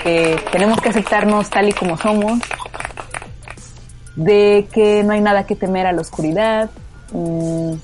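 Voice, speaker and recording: A Mexican woman at a middle pitch talks in an easy, reflective way as a co-host in casual conversation. Faint music runs beneath her voice. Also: steady tone, measured pace. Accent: Mexican Spanish. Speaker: podcast co-host. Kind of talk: casual chat.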